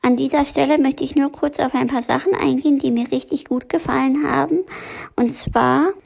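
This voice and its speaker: Eine Frau, die in ihrem Video Hörbücher vorstellt und ruhig und geordnet bespricht. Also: female voice, high voice, fairly even intonation, moderate pace, gravelly, darkish tone. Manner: plain, orderly presenting. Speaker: audiobook reviewer. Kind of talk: book review vlog.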